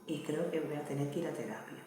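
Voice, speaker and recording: A Cuban woman in her thirties speaks with a Cuban accent, talking earnestly and conversationally to camera. Her voice sits a little low. It rings around a very echoey room over a faint hiss. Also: fast talker, warm tone. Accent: Cuban Spanish. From Cuba. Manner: earnest, conversational, asks "¿me entiendes?". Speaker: vlogger, mother. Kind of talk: casual talk to camera.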